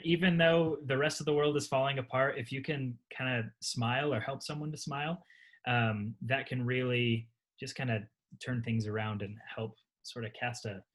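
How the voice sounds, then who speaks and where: A man's voice: mid-range voice, fairly bright tone. A man who is a guest musician, talking casually in a hesitant, reflective way with many ums and restarts. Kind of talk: casual interview chat.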